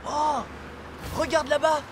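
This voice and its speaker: A man voicing an earnest young male robot police car who leads rescues and explains clearly, in a French children's cartoon dub. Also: extremely high pitch, flat delivery, slow pace, background noise. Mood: alert, decisive.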